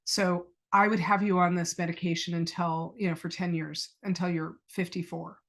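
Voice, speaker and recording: A woman's voice: fairly low pitch, flat delivery, normal speed. A middle-aged woman, a podcast guest, earnestly telling a personal story and retelling past conversations as quoted dialogue.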